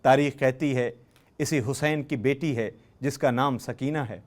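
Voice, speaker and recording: A man giving an emotional religious sermon, telling a story with dramatic rises on key phrases. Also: mid-range voice. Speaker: religious speaker.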